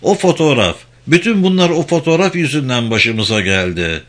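A male audiobook reader voicing a guilty young man who speaks low and quietly, close to a whisper. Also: lively intonation, moderate pace, natural voice. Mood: guilty, serious. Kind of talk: audiobook character voice.

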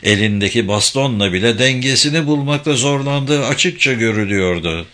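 A man reading a story aloud in a measured, expressive manner. His voice is bright and forceful, with an edge that cuts through. He sits at an ordinary middle pitch for a man. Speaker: narrator.

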